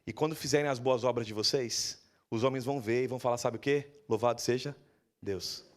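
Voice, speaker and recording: A male pastor with a Brazilian Portuguese accent, preaching a sermon in a church in a lively storytelling manner and acting out the people he quotes. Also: medium pitch, a little fast.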